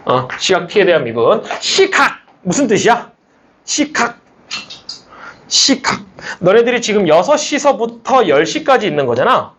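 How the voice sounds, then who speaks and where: A man's voice: high-pitched, fairly quick, few pauses, slight background noise. A middle-aged man teaching math to a class, explaining step by step, teasing his students and asking them questions as he goes. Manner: lively, jokey teacher who teases students and asks questions back.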